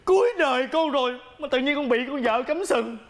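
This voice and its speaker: A man's voice: very high voice, brisk. A man in his thirties playing a sulky, self-pitying elder son in a family sitcom. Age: 30s. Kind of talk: sitcom acting.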